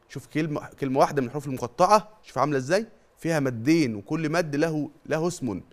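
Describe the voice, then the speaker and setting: A middle-aged man with an Egyptian accent teaching a televised Quran tajweed lesson. He drills terms by question and answer and stretches out long vowels to demonstrate them. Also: fairly high pitch. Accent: Egyptian Arabic.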